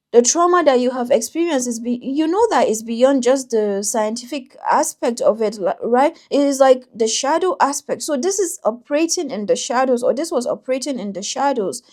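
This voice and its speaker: A woman doing a tarot reading for viewers, talking in a thoughtful, intuitive way with frequent pauses and restarts. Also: high voice, expressive, darkish tone. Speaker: tarot reader.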